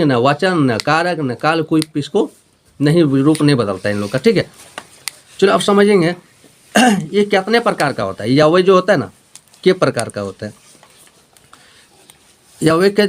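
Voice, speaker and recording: A man teaching a Hindi grammar lesson with a Jharkhand accent, repeating points and checking if students follow. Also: on the high side. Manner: repetitive, explaining with homely examples and checking questions.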